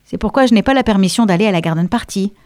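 A woman's voice: mid-range voice, fast talker, a little mellow, no echo, close to an everyday voice. A woman voicing a precocious, self-assured English schoolgirl who speaks in a prim, articulate way, in an audiobook reading.

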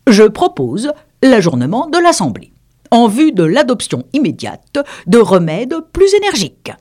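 A woman's voice: rumbling low, animated, a little slow, a little mellow, slightly rough, heavily acted. A woman voicing a solemn, long-winded dodo bird in an audiobook reading. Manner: solemn, grandiloquent.

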